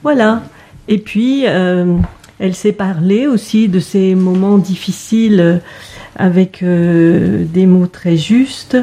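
A woman presenting a children's book, explaining it calmly with a few fillers. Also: medium pitch, slow. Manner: calm, explanatory, some fillers.

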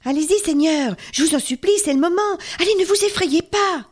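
A woman's voice: fairly high pitch, animated, moderate pace. Woman playing a frail pleading young girl. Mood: begging. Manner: pleading, pressing.

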